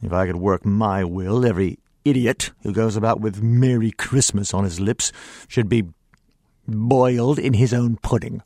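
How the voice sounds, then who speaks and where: A man's voice: on the low side, normal speed, a little mellow, no room sound, clean studio sound. An actor playing Scrooge, a bitter, miserly old man, delivering his lines with theatrical contempt. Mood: scornful. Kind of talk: stage reading.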